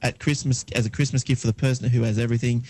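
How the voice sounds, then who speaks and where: A man's voice: medium pitch, fairly even intonation, very fast, darkish tone. Man, podcast co-host, reads news with fillers, laughs a lot, faint background noise. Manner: laughs often, reads items with hesitant fillers. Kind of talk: casual chat, reading news items.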